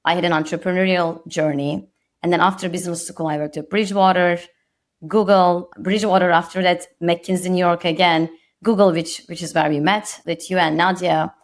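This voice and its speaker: Her pitch sits fairly low. This podcast guest, a woman in her thirties from Turkey with a Turkish accent, answers interview questions thoughtfully and humbly, frequently starting her sentences over.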